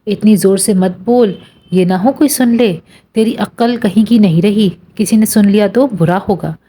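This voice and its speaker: A playful middle-aged aunt scolds and teases in quick, hushing remarks, as a woman reads her aloud. The tone is mellow and soft, and slightly raised above the narration. It is an audiobook character reading. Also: mid-range voice, husky, close to an everyday voice. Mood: teasing scolding.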